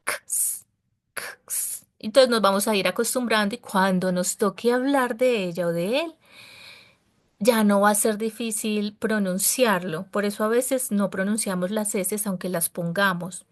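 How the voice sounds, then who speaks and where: A woman's voice: mid-range voice, moderate pace. A Spanish-speaking woman teaching an English class over a video call, patient and encouraging, explaining pronunciation step by step.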